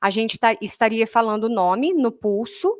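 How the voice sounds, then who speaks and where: A woman with a Brazilian Portuguese accent teaches a music workshop in a patient, explanatory way. She keeps checking that her listeners follow along. Now and then she counts beats aloud in an even rhythm. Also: on the high side, moderate pace. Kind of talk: online workshop lesson.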